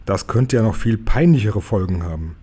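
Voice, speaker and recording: A man's voice: on the low side, animated, normal speed, mellow, husky. A man voicing a polite, patient little girl in a story, speaking in a raised voice with careful questions. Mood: explaining.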